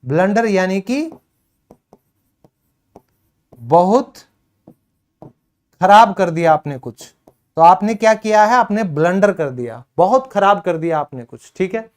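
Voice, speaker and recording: A man's voice: high-pitched, a little mellow. A man teaching an English pronunciation lesson, repeating words emphatically to drill them.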